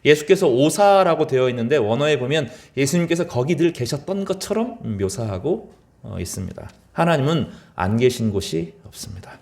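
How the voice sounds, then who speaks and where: Animated male pastor preaching. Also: brisk, vocal fry. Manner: animated preaching, voice rising high in acted quotes and dropping low at phrase ends. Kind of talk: sermon.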